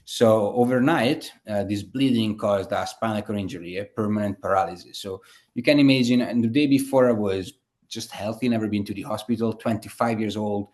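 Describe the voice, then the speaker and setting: A man's voice: fairly low pitch, fairly quick, darkish tone. A man, a guest telling his story in a casual interview, rambling with many fillers and restarts. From Italy. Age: 30s.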